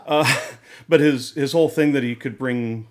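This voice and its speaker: A man co-hosting a casual podcast chat, talking in a measured, meandering way. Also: medium pitch. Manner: measured, many fillers and restarts. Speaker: podcast co-host.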